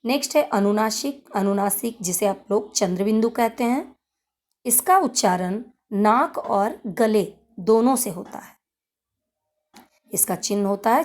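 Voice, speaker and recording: A woman teacher explaining a grammar lesson to children, repeating key points in a deliberate way. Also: medium pitch, a little mellow. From India. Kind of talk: slow classroom lesson explanation.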